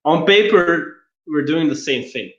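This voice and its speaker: An expressive, slightly high male voice with a fairly bright tone speaks at a measured pace. The speaker, a Belgian LinkedIn marketer, is an interview guest explaining things casually and step by step. Audio comes from an online call and sounds roomy and a bit dull.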